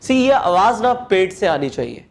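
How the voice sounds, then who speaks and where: A man with a Hindi accent giving a spoken English lesson, explaining step by step and reading English phrases slowly aloud. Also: high voice, very animated, vocal fry. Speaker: English teacher.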